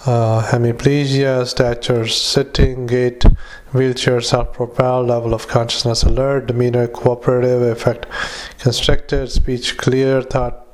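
Man dictating medical notes in an even tone. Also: medium pitch. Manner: halting, filler-heavy delivery with clipped list-like phrases. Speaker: clinician dictating patient notes. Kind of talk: medical dictation with spoken punctuation.

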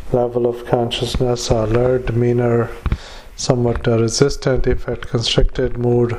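Male clinician, dictaphone dictation, monotone, halting with fillers, reads punctuation aloud. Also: mid-range voice, a little hiss or hum, low-quality recording. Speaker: psychiatric clinician.

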